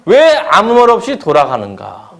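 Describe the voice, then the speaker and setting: A man's voice: high-pitched, wildly swooping pitch, normal speed, fairly bright tone, heavily acted. A male preacher voicing a sly, scheming older uncle who complains with feigned hurt. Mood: wheedling.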